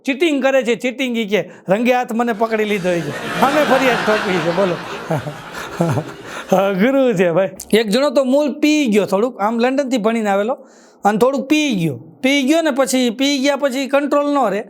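A man with a Kathiyawadi Gujarati accent telling jokes on stage at a live show, moving briskly from punchline to punchline with a recurring catchphrase. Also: very high voice, slight background noise. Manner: quick punchlines, ends each joke with a catchphrase. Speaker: stand-up comedian.

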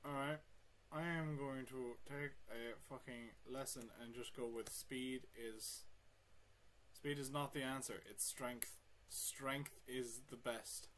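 A man's voice: medium pitch, steady tone, slow pace, a bit bright, a little hiss or hum. A young man commentating his own gameplay, swearing and talking to himself, with sudden yelps. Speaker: gamer. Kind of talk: let's play commentary.

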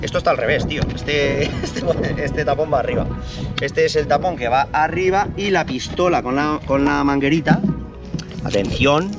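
A man in his forties with an accent from Spain, playfully presenting toys to children outdoors with drawn-out exclamations. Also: on the high side. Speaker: host dad presenting toys with his kids. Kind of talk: playful toy unboxing and demo for children. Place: outdoors in a park. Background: music.

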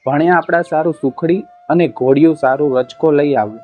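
A man's voice: fairly high pitch, moderate pace, lightly acted. A man voicing a bold, crafty middle-aged horseman who gives orders in a rustic village way. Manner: rustic, commanding village dialect. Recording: muffled with faint music behind.

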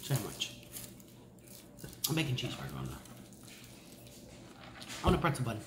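A middle-aged woman talks casually to the camera while chewing, with mumbled pauses between mouthfuls. Her pitch moves around in a lively way. The room adds noticeable echo, with faint noise behind her. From Ohio, United States. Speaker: eating-show host. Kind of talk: casual chat to camera during a meal. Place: indoor room at a table. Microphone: camera across the table.

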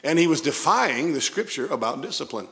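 An older pastor with a Midwestern American accent preaches a sermon into a pulpit microphone in a church sanctuary, telling stories with emphatic asides. His fairly high, fairly bright voice swings widely in pitch and moves fairly quickly.

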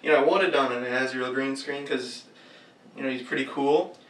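A costumed young cosplayer chats at a moderate pace in a mid-range, fairly bright voice while performing fighting-game moves before an indoor green screen. He's giggly and self-mocking, laughing at himself throughout. Sound comes from a camera mic set far off in an echoey room.

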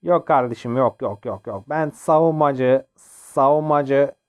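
A man's voice: medium pitch, a little slow, clean tone, highs cut off. A young man giving casual, jokey commentary while playing a mobile game, often yelping and laughing. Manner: excitable, jokey, yelps and laughs during play. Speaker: gaming channel host.

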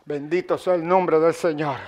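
A man's voice: on the high side, fairly even intonation, normal speed, a little mellow. A man preaching a Sunday sermon in church, emphatic and repetitive, calling on the congregation to respond. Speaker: pastor. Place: church service. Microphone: live-streamed sermon.

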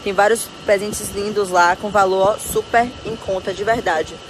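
A young woman, a dancer and influencer, chats directly with her fans in selfie-style phone clips shot in her bedroom and car, calling them "gente" and often checking in with "tá bom?". Her voice is medium-pitched and fairly even at a moderate pace, soft-spoken yet firm when she sets limits. The phone is held at arm's length, so the audio is poor, with slight background noise.

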